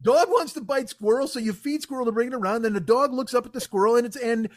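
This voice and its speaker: A man's voice: extremely high pitch, fast, no room sound, clean studio sound. A man hosting a comedy podcast, ranting sarcastically with plenty of swearing and mocking people in put-on voices. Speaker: podcast host.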